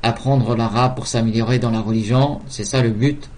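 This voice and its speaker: A man's voice: medium pitch, fairly even intonation, moderate pace, darkish tone. A man teaching a language and religion class, patiently repeating words to drill their pronunciation. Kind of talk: slow classroom lesson with repetition.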